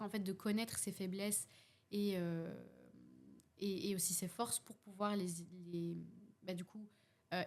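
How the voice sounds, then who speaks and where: Her medium-pitched voice has a darkish tone. This young Belgian French-accented woman, who facilitates youth workshops, takes part in a casual podcast chat and hesitates often, filling gaps and restarting her sentences.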